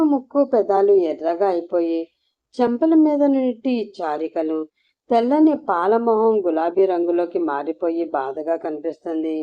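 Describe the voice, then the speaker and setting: A woman storyteller narrating a serial romance story in an expressive, sympathetic way. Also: mid-range voice. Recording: slightly muffled lo-fi recording.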